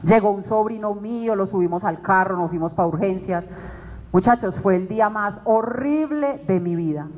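A woman's voice: medium pitch, moderate pace. A woman giving an emotional testimony sermon to a faith group, telling her story dramatically and acting out her own words. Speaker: speaker at a weekly faith meeting. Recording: dull recording in a reverberant hall.

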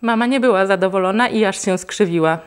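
A woman reading a children's book aloud in a lively, expressive way. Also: medium pitch, fast, smooth. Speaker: reader.

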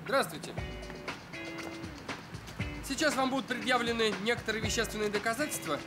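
A young man playing a cheeky, excitable student detective in a sitcom. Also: very high-pitched, a little fast. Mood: mock official. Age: young adult. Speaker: actor in a student comedy series. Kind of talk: sitcom dialogue. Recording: roomy set sound with music underneath.

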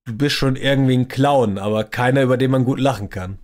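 A man's voice: mid-range voice, brisk, darkish tone. A man hosting a reaction video, giving mocking commentary in a dry, sarcastic tone. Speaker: reaction channel host.

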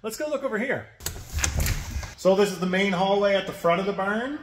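Farmer vlogger, man in his thirties, higher voice, matter-of-fact tour talk, selfie phone, noisy barn. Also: lively intonation, fairly quick. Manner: plain, matter-of-fact explaining while walking and pointing. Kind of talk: casual walking tour vlog. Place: pig barns and farmyard, indoors and outdoors. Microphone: phone held at arm's length.

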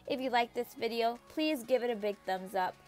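Here a woman's slightly high voice moves at a normal speed while she narrates a step-by-step cooking lesson for her channel. As host and home cook, she addresses the viewer directly with friendly, repetitive directions, with soft music in the background.

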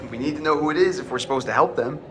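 A man's voice: on the high side, very fast, background noise, natural voice. An actor playing a joking young man in a horror game, teasing and mock-solemn with his friends. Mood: curious. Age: young adult. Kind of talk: naturalistic horror game acting.

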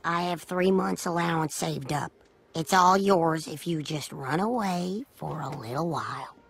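A woman's voice: deep voice, measured pace, gravelly. A woman voicing an earnest, scheming young cartoon boy. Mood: pleading.

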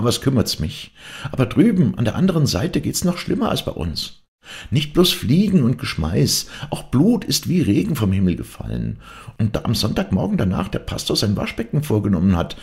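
A breathless young farm maid spilling rumors in a storybook reading, as a man puts her on. Her voice rides well above the reader's own, swinging widely with eager, fearful gossip, and keeps a gravelly grain. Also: medium pitch, a little mellow, pitched above the performer's own voice.

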